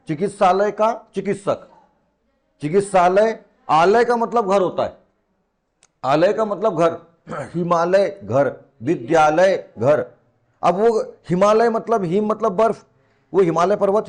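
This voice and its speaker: A man from teaching a lesson in a classroom, colloquial and teasing, who repeats key words and throws rhetorical questions at his students. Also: high-pitched. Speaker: coaching teacher. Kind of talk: classroom lecture.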